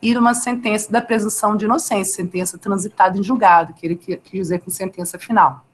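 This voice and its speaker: A woman's voice: medium pitch, fairly even intonation, fast. A Brazilian woman teaching a live online law class, talking conversationally, asking students questions and answering them by name. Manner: conversational, asks students questions and reads their names from chat.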